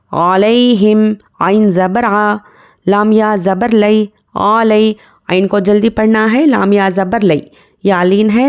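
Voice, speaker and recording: Patient woman drilling recitation syllables slowly. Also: mid-range voice, creaky, a little mellow, lo-fi sound. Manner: patient, drawn-out syllable-by-syllable drilling with rhetorical questions. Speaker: Quran recitation teacher. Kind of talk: tajweed lesson, spelling out letters and vowel marks slowly.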